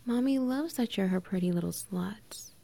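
In an intimate audio roleplay, a young adult woman murmurs teasing lines in a soft whisper, punctuated by gentle laughter. She speaks at normal speed, her mid-range voice carrying a creaky quality.

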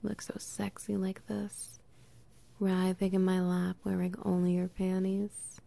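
A young adult woman whispering softly and teasingly in an intimate audio roleplay, with quiet laughs between phrases. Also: medium pitch, completely flat delivery, unhurried, gravelly.

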